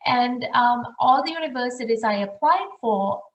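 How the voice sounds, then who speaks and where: A woman's voice: on the high side, expressive, normal speed, muffled recording, a little hiss or hum. A woman from Sri Lanka who directs international programs, giving earnest advice in a webinar presentation and asking the audience questions. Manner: earnest, advising, rhetorical questions. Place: room, recorded for an online webinar. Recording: echoey room, far from the mic.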